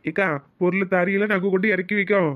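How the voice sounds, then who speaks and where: Woman doing a polite delivery guy, tirunelveli accent, rattles on fast, dull lo-fi sound. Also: mid-range voice, level tone, lightly acted. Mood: obliging. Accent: Tirunelveli Tamil. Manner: polite, obliging, quick. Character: polite young delivery man. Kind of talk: cartoon comedy voice acting.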